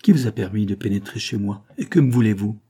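A man reading a proud young woman, speaking harshly and curtly, in a low, husky voice. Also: normal speed. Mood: indignant. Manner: sharp and cold, then softening. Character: proud young widow, wounded and stern.

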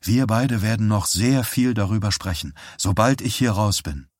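A man voicing a frail young man in a hospital bed, tired and soft-spoken. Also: lowish voice, normal speed, dry recording, studio quality, lightly acted.

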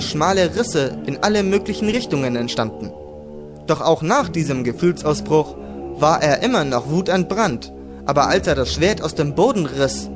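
A man reading a fantasy audiobook in steady, dramatic storytelling, with music behind him. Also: fairly high pitch. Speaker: audiobook reader. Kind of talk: scripted fantasy audiobook narration. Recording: background music under the narration.

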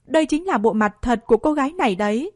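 A woman voicing an angry middle-aged mother who scolds in a shrill, accusing way. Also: lively intonation, fast talker, a little mellow, no room sound, studio quality. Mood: furious.

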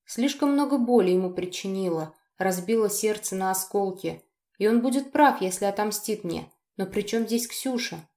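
A woman narrating a dark novel in the first person, emotional and at times pleading. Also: mid-range voice, lively intonation, moderate pace. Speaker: audiobook narrator. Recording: roomy echo.

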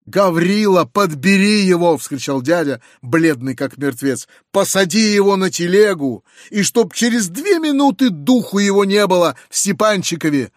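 A man's voice: high voice, animated, unhurried, no room sound, clean studio sound. A man voicing a kind-hearted middle-aged uncle in an audiobook, agitated and pleading, often crying out. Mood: commanding. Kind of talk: audiobook reading.

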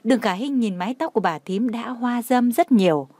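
A woman reading a story aloud in a steady, even narration. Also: on the high side, fairly quick, dry recording.

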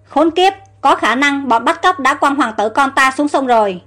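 A furious king in his middle years shouts orders and threats at his guards, read by a woman. The voice sits high, and soft music plays behind the telling. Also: animated, normal speed. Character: angry middle-aged male king, commanding and furious.

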